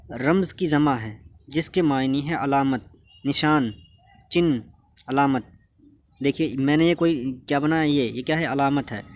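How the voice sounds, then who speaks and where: A man's voice: a little high, a little hiss or hum. A man teaching a grammar lesson, patiently asking questions and answering them himself. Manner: patient, asks and answers his own questions.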